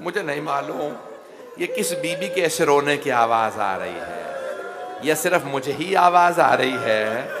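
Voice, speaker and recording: Male cleric, high-leaning voice, mournful majlis sermon, swings from wailing cries to hushed pleading prayer, live noisy hall recording. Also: expressive, unhurried, a crowd in the background. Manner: wailing, climbs into loud cries, then low pleading prayer. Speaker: Shia cleric reciting a majlis.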